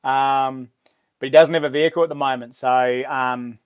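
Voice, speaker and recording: He speaks at a normal speed in a smooth, medium-pitched voice with a steady tone. The speaker is a middle-aged man hosting a livestream, his broad New Zealand accent carrying a casual, slangy, friendly-bloke chat with viewers.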